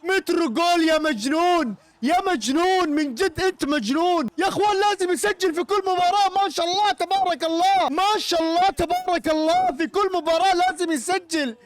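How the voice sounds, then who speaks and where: A young Saudi man with a Gulf Arabic accent, reacting loudly to a football match as a streamer, shouting and teasing rival fans. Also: very high voice, expressive, a little fast. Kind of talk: excited live match reaction.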